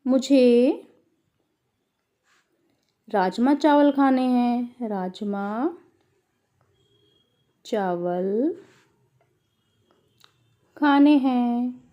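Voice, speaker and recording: A woman teacher reading a hungry young boy's lines slowly, as if for dictation. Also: a little high, mellow. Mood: asking. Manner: slow, dictation-paced reading. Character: hungry young boy asking his mother for food.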